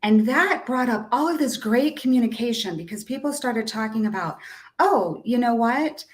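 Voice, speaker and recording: A woman from the United States, a guest on an online show, telling a story in a lively, chatty way. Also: fairly high pitch, normal speed. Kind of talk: conversational storytelling.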